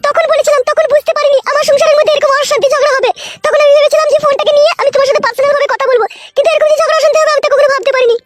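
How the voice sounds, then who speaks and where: A woman putting on a shrill voice to play a quarrelsome young village wife who grumbles and complains in a comic skit. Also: steady tone, rapid-fire, over music. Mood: aggrieved.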